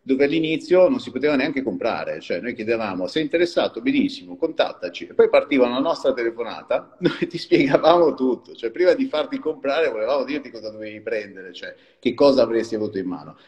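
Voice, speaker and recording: A man's voice: mid-range voice, expressive, fast, hardly any pauses, a little mellow, long reverb tail. A man, founder of a small wine company, explaining his business in a chatty live-stream interview and laughing often. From Liguria.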